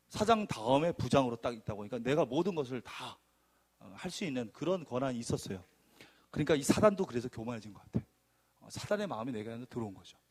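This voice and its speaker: This man's husky, medium-pitched voice carries a sermon testimony. He recounts his story emphatically and with animation, even performing the arguments.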